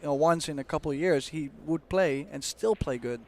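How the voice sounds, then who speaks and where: A man giving expert analysis on a pool match as co-commentator, explaining shots in a measured way with casual fillers. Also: on the high side, a little mellow. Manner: explanatory, measured, uses fillers like "you know".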